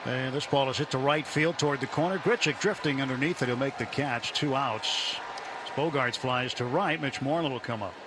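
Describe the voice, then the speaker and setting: A man calling baseball play-by-play live from a broadcast booth, speaking in measured short phrases between conversational remarks. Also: mid-range voice. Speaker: baseball radio play-by-play announcer. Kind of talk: live sports commentary mixed with booth interview. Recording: ballpark booth with clear outdoor background noise.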